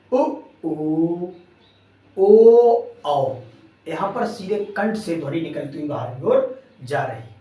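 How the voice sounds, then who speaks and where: A man teaching a grammar lesson, repeating key terms as questions to his students and calling them friends. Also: on the high side. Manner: addresses students warmly as friends. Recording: very echoey room, voice far from mic.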